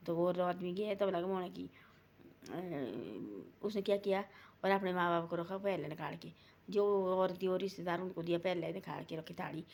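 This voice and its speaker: A woman's voice: fairly low pitch, vocal fry. A woman telling a family folk story in a casual, rambling way, repeating herself and acting out the dialogue. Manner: rambling, repetitive retelling with quoted dialogue.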